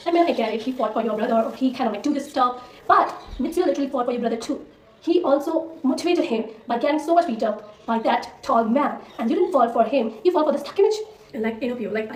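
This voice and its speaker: Fast-talking young woman gushing about anime. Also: high voice, darkish tone, a little hiss or hum. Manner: gushing, chatty, lots of fillers. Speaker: anime vlogger. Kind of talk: casual opinion monologue. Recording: roomy, a little far from the mic.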